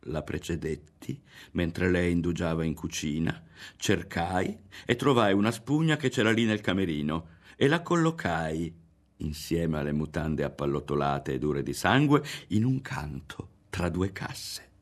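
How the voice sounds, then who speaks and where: A man's voice: low voice, lively intonation, unhurried. A man with an Italian accent, an audiobook reader, giving a theatrical literary reading. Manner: theatrical, dramatic, varied delivery.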